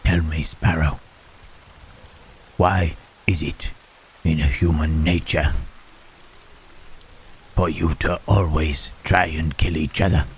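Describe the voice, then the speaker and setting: A man playing Frankenstein's monster in an ASMR roleplay, a gentle, melancholy reanimated creature who speaks in a hushed, halting, formal way. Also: very deep voice, fairly even intonation, a little hiss or hum. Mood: brooding, melancholy.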